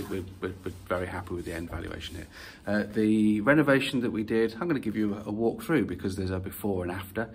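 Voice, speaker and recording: A property investor films a casual walkthrough video of an empty house on a handheld phone held at arm's length, talking with lots of fillers and restarts. His voice is lowish, with a little hiss or hum in the audio.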